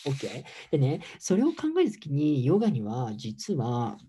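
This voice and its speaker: A man's voice: medium pitch, big pitch swings, normal speed, dark tone, slight background noise. A middle-aged man, a yoga teacher, giving a campy, chatty, teasing livestream talk and reading viewer comments aloud.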